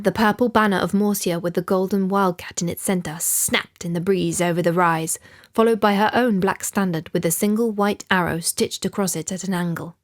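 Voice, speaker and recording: A woman reading a novel aloud as an audiobook narrator in a measured, even storytelling manner. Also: mid-range voice. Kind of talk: scripted narration.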